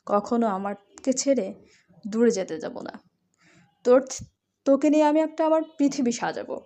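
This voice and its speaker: A woman's voice: a little high, expressive, moderate pace, warm tone. A woman voicing a devoted, teasing young husband in a romantic audio story, tender and coaxing.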